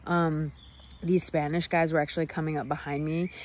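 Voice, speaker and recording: Young woman, chatty rambling vlog recap on her phone, kinda low voice, faint highway hum behind. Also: little pitch movement, normal speed. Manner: chatty, rambling, laughs often. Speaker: travel vlogger. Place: outdoors near a highway.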